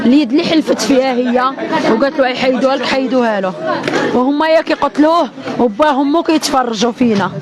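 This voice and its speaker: A high-pitched young Moroccan woman pours out an angry, tearful account in the street. She talks fast and insistently, repeating phrases in distress, with a loud crowd around her. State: crying, upset. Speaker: bereaved widow giving an eyewitness account. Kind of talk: emotional street testimony to an interviewer. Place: outdoors in a residential street.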